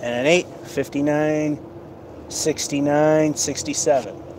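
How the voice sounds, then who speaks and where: A man's voice: fairly high pitch, fairly even intonation, slow. A man casually commenting and tallying scores as he bowls on an outdoor lane in a parking lot, with wry asides. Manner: chatty, wry asides while keeping score. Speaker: bowler filming himself. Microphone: camera on a stand, away from him. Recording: outdoor camera mic with background noise.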